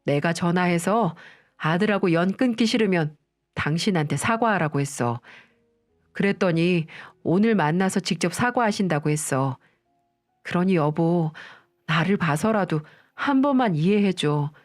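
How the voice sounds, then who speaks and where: A woman's voice: on the low side, lively intonation, a little slow, faint music behind. A woman voicing a tired young husband who pleads with his wife, in a storybook radio reading. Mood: weary.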